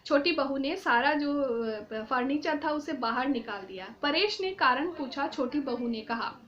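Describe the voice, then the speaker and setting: A woman's voice: sits high, lively intonation, a little slow, a bit bright, muffled recording. A woman teacher reading a Hindi play aloud and explaining each line in simple words. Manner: reads a line then paraphrases it plainly.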